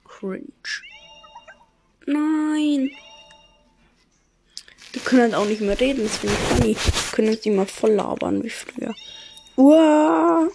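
A woman's voice: on the high side, fairly even intonation, fast, creaky, few pauses, darkish tone, a little hiss or hum. A woman giving casual, joking commentary while playing a video game and reading its text aloud. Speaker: gameplay streamer.

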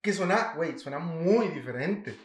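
A man's voice: fairly high pitch, normal speed, reverberant. A young man with a Mexican accent, chatting casually and animatedly in heavy slang. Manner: slangy, animated, full of filler words. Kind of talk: casual chat.

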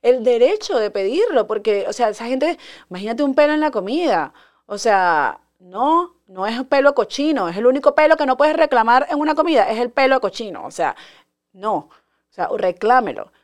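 Woman podcast host, chatty and confiding, pitched a bit high. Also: sing-song, normal speed. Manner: chatty and confiding, reads friends' messages aloud. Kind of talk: casual solo podcast chat.

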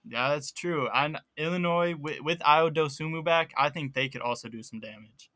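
Young guy, bright voice, laid back sports podcast chat, lots of ums. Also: on the high side, moderate pace, no room sound. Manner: relaxed, filler-heavy talk. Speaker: podcast co-host.

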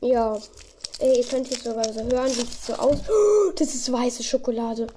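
Giggly young woman with very high voice. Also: moderate pace, mellow. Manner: silly, giggly, easily breaking into laughter. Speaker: podcast host. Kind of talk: giggly casual chat telling bad jokes. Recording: clearly noisy amateur home recording.

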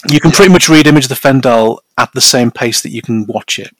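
A Northern English man with flat vowels talks as an interview guest. He tells anecdotes in a casual, self-deprecating way. The sound is dry and close, with little room around it. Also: mid-range voice, quick pace, no echo, poor audio. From north of England. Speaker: podcast guest.

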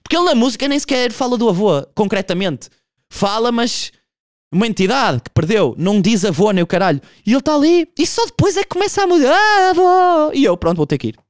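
A man's voice: high-pitched, big pitch swings, fast talker, no room sound, studio quality. A young man doing a casual, profane stand-up monologue, telling a story with vocal impressions. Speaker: stand-up comedian.

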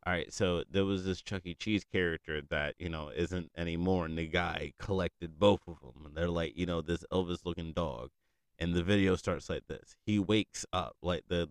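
Low-voiced young man rambling with a friend. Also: clear, resonant tone, no echo, clean studio sound. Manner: rambling, swears a lot, laughs often. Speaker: friend catching up. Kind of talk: casual chat.

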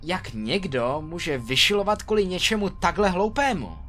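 A man reading first-person stories aloud in a lively, animated storytelling manner. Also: sits high, faint music behind.

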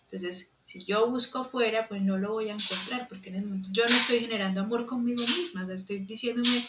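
A woman speaking as a coach, calmly explaining and reframing the other speaker's experience. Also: a little high, fast talker, very noisy. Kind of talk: reflective coaching talk. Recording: roomy echo.

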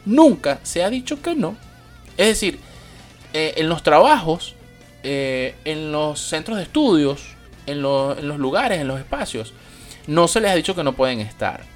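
A Venezuelan-accented man rants bluntly, swearing freely and mocking as he goes. His voice sits a little high for a man and swings widely up and down. Soft music plays faintly behind him. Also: expressive, a little slow. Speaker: opinion vlogger. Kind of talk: profane opinion rant.

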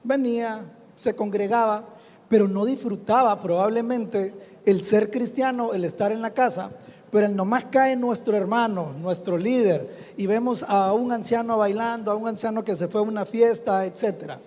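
High-voiced host asking rambling questions. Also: male voice, moderate pace, darkish tone. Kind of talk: live podcast interview. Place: live event before an audience. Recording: live hall reverb with faint noise.

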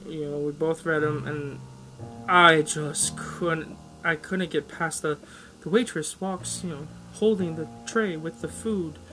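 Brief: laughing writer reading a draft aloud with editing notes, mid-pitched, with faint music behind. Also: steady tone, unhurried, sharp tone, rough recording. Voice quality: laughs often and self-interrupts while reading and critiquing. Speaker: writer giving editing feedback on a story. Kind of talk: casual podcast chat reading a draft aloud.

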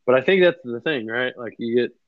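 A man's voice: mid-range voice, animated, brisk, dry recording, phone-quality sound. A man in his thirties co-hosting a podcast, chatting casually with loose, profane banter. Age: 30s. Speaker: podcast co-host. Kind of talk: casual chat.

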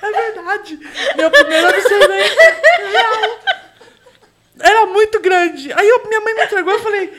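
A woman's voice: very high-pitched, measured pace, crowd noise. A young Brazilian woman telling a funny story in casual chat, dramatic and laughing often.

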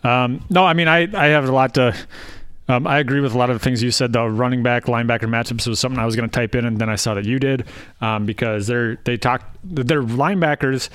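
A man's voice: medium pitch, fast, a bit bright, smooth, no echo. A man co-hosting a casual sports podcast, talking with wry jokes and frequent fillers. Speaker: podcast co-host.

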